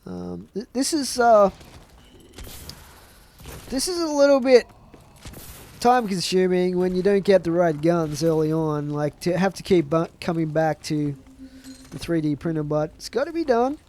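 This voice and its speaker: High-pitched and animated, this young gaming commentator speaks unhurriedly with long pauses and a darkish tone, his voice stuffed up by a chest infection. He rambles casually over a zombie shooter game, chatty and trailing off with fillers.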